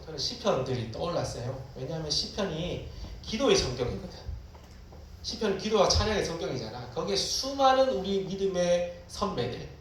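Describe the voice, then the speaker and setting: A man's voice: a little high, a bit bright, recorded from a distance, slight background noise. Echoey preacher man calling out to students. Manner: preaching to students, mixes casual and formal speech, cries out prayers dramatically. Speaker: pastor. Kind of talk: sermon.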